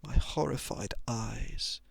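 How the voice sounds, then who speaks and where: A man with a mid-range voice reads a horror story ASMR-style close to the mic, soft and breathy and often sinking into a whisper. He uses deliberate dramatic pauses, and there's no room sound.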